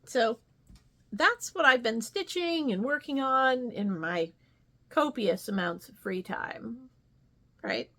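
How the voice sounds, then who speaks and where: Showing her stitching work in a relaxed vlog, this woman wanders from thought to thought, musing aloud and tacking on trailing tag questions. She speaks slowly in a fairly high, expressive voice with a sharp edge.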